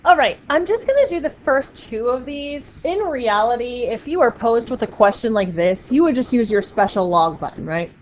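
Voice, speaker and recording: A math teacher's voice sits on the high side, with lively intonation, a moderate pace, and few pauses. She's upbeat, playful, and encouraging toward her students during this classroom lecture, captured in a muffled recording with faint noise.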